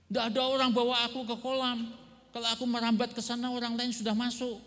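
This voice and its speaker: Preacher voicing old lame man, complaining fast, high-ish voice, long echo in the hall. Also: level tone, a bit bright.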